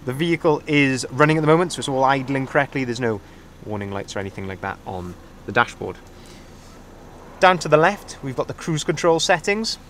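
A man's voice: medium pitch, a little fast, a little hiss or hum. Chatty van salesman on a forecourt. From Wales. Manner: relaxed, salesy patter with many fillers. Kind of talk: walk-around vehicle tour. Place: outdoors at a van dealership forecourt. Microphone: camera held by the speaker, filming by hand.

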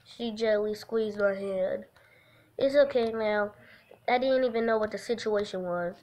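Hosting a relaxed game livestream, a woman reads from a visual novel and chats, giggling and dissolving into laughter. Her mid-range voice has a darkish tone, and she keeps a measured pace.

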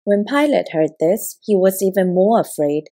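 A woman narrating a scripture audiobook in an even, measured reading. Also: medium pitch.

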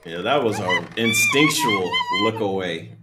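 A man's voice: fairly low pitch, huge pitch swings, measured pace, distant mic, over loud music. A young American man reacting casually to horror game clips, slangy and amused, on a headset. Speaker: reaction streamer. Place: small room at home. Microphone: headset microphone. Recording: roomy echo, noisy game audio underneath.

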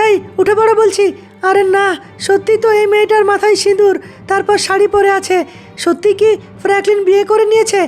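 A woman's voice: very high-pitched, level tone, fast talker, darkish tone. A woman dramatically voicing a comic game skit, whiny and sobbing. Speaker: game video voice-over for several figures.

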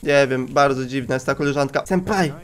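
A man's voice: on the high side, normal speed. A young man giving casual, joking let's-play commentary, chatting to viewers as a gaming YouTuber. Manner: playful, jokey, talks to viewers.

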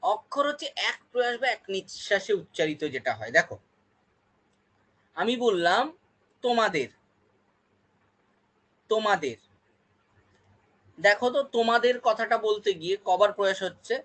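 A man teaching an online Bengali grammar class, explaining slowly and repeating words syllable by syllable. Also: sits high, expressive, fairly bright tone.

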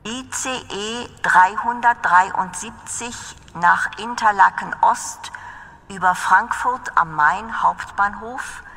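Slow, echoing flat platform announcement, acted woman. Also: medium pitch, full character voice. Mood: flat, formal. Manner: flat, measured, formal. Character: formal, impersonal female railway platform announcer. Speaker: railway station announcer. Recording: long reverberant station PA.

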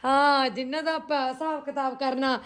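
A woman's voice: sits high, steady tone, fairly quick, a bit bright. A woman with a Punjabi accent chatting casually and familiarly as a vlogger, to viewers and companions alike. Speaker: vlogger and boutique owner. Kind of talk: casual vlog chat.

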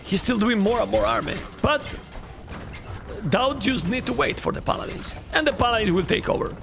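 A Spanish-accented man in his thirties casts a strategy game live from his home streaming room, animatedly chatting with viewers and repeating phrases. His very high-pitched voice moves at a moderate pace and is getting a bit hoarse as he loses it. Background noise and faint game music can be heard.

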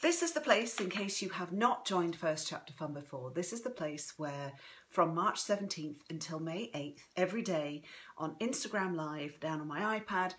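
Speaking through a phone set up in front of her in an indoor home room, this author in her forties chats effusively during a casual livestream reading, calling out viewers by name. Her voice sits lowish, a little throaty and strained, with lively intonation, a moderate pace, and a slightly bright tone. A faint hiss or hum is audible.

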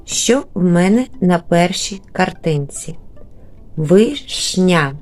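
A woman teaching young children in a remote lesson, patient and slow, stretching out words syllable by syllable, with a Ukrainian accent. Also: fairly low pitch, expressive, darkish tone, soft background music. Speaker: primary school teacher.

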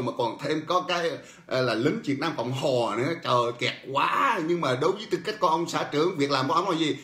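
Male host, animated storyteller, slightly high voice, roomy echo. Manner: animated storytelling, chuckles often. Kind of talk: political commentary monologue.

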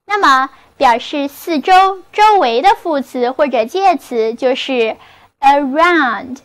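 A woman's voice: high-pitched, expressive, slow. A woman teaching English vocabulary in a scripted lesson, speaking carefully, spelling words letter by letter and repeating example sentences, with a Mandarin Chinese accent.

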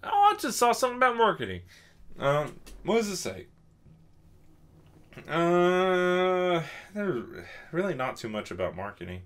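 A young man hosts a podcast, a little tipsy from drinking, and chats casually in a rambling, self-deprecating way. His voice sits high and sing-song, with a measured pace and frequent pauses.

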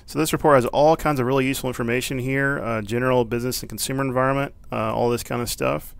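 A man in his thirties, a business librarian, walking through a research database in a relaxed tutorial with plenty of fillers, recorded in an office at a desk camera. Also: mid-range voice, quick pace, vocal fry, dry recording. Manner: relaxed, filler-heavy explaining. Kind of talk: screencast tutorial walkthrough. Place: office with bookshelves.

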